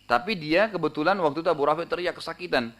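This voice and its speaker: Fast-talking male preacher telling a story. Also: fairly high pitch. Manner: lively retelling, tags lines with a casual "gitu kan"; raises his voice to act out the shouts in the story. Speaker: Islamic preacher. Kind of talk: sermon storytelling.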